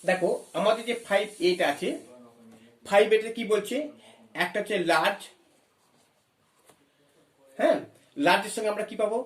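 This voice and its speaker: A man's voice: sits high, fairly bright tone, echoey room. A man teaching an English grammar lesson, explaining step by step, asking questions and spelling words letter by letter. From West Bengal. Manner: reads English phrases slowly.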